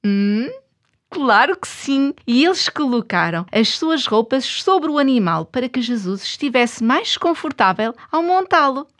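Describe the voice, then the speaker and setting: A woman with a European Portuguese accent presents a children's programme. Her voice sits fairly high, and she tells scripted Bible stories expressively, addressing the young audience directly. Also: very animated, measured pace, a bit bright. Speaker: children's programme host and storyteller.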